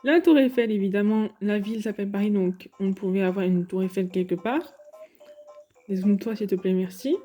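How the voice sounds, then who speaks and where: A woman's voice: mid-range voice, brisk, mellow. A woman giving casual, chatty commentary over game footage, hesitant and full of fillers. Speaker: gaming YouTuber.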